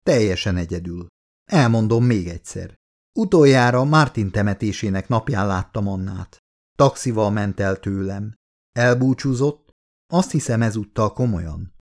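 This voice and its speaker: A man's voice: on the low side, animated, a little mellow. A male reader voicing a cold, curt and ironic man in an audiobook. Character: aloof, cutting man, coolly dismissive. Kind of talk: audiobook character voice.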